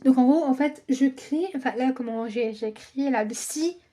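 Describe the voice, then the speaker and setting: A young woman with a high, mellow voice hosts a reaction video at a moderate pace, chatting casually in a playful, rambling way with self-correcting asides. She reads the characters' lines aloud in exaggerated voices.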